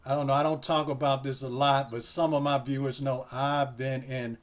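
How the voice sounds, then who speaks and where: A man's voice: medium pitch, level tone, normal speed. A man hosting an interview, talking casually in a rambling way with many "you know"s and speaking directly to his viewers. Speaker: host.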